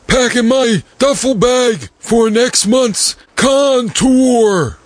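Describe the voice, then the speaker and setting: A man putting on a squeaky, nasal voice as a sidekick game master in a comedy podcast skit. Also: extremely slow, dry recording, heavily acted. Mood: casual.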